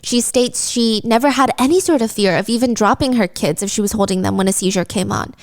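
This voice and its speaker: A woman's voice: on the high side, fairly quick. A woman hosting a true-crime podcast, retelling a case in a casual, conversational way and briefly acting out quotes. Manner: lively, acts out quotes in character. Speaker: podcast host.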